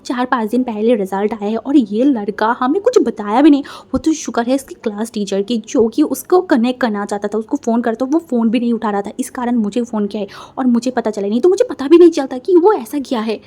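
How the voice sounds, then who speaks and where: A woman voicing a furious middle-aged mother who scolds in loud, shrill, accusing rants. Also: brisk, hardly any pauses, close to an everyday voice. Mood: furious scolding.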